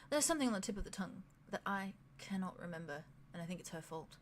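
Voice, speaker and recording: A woman voicing a brooding, tormented man with a flat, sarcastic manner in a tabletop role-play. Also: medium pitch, fast talker, slight background noise, lightly acted. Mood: bleak, sardonic.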